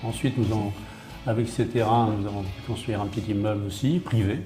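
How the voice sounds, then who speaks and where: Speaking as a town mayor in an interview, a man explains things in a matter-of-fact way, listing points and often rephrasing himself. His voice is lowish and steady, and he talks a little fast. The recording sounds roomy and echoey, with guitar music underneath.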